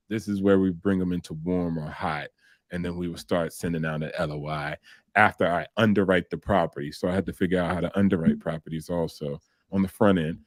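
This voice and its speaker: A man with a fairly low voice, talking casually as an interview guest. He tells his stories with energy, slipping into the voices of the people he quotes. The sound is dry and close. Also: no echo. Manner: animated storytelling, acts out quoted voices with laughs. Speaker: interview guest, combat veteran in real estate.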